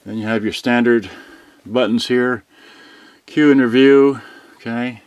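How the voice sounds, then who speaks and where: A product reviewer does a casual unboxing, half talking to himself in a distracted way while handling items. His mid-range voice is steady and unhurried, and the audio sounds dull. A tripod-mounted camera at varying distance picks him up in a clearly noisy home recording with clicks.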